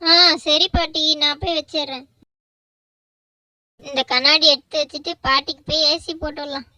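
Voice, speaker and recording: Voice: high-pitched, steady tone, moderate pace, pushed and bright, dry recording, far from the mic. A performer voicing a young boy in a doll vlog, apologetic and eager to help. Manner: pleading, repetitive, childlike.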